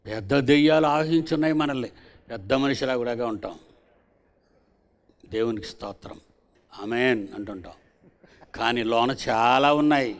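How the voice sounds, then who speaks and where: A man preaching a sermon at a gospel convention. He repeats his phrases and questions the audience directly. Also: medium pitch.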